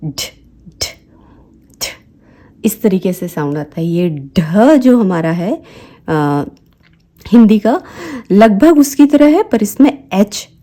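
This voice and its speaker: A woman with a Hindi accent, teaching English phonics. She says each example word slowly and repeats it several times. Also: mid-range voice, sing-song, dark tone. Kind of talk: slow, deliberate teaching with repeated example words.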